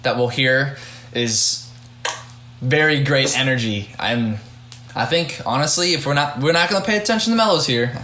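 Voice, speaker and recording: Young man hosting, halting casual talk. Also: medium pitch, sharp tone, roomy sound, slight background noise. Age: young adult. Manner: halting, hedging, many restarts. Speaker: podcast host and judge. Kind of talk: casual podcast chat.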